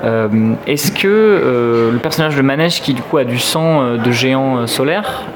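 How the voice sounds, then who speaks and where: A man hosts the interview in a relaxed, searching way, circling back as he shapes his questions. His pitch is ordinary, and a clear layer of background noise runs under his voice. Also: moderate pace. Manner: casual, hesitant question phrasing. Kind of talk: conversational interview.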